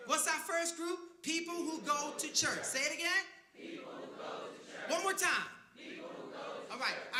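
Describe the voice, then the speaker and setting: Bright, teasing preacher-comedian in a roomy hall. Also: male voice, very high-pitched. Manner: loud, teasing crowd work with call-and-response. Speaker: pastor and comedian. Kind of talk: stand-up comedy set. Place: church sanctuary before a live audience.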